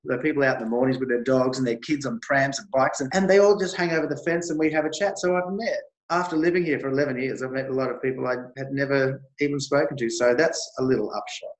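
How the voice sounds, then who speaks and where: Aussie guy chatting away as a guest, lively storyteller, echoey room. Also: mid-range voice. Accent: Australian. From Australia. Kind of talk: casual interview.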